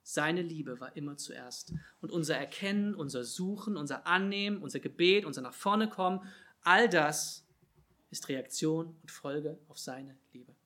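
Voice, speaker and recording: A man preaching a sermon, swinging between loud emphatic calls and quiet, low asides. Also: animated, unhurried.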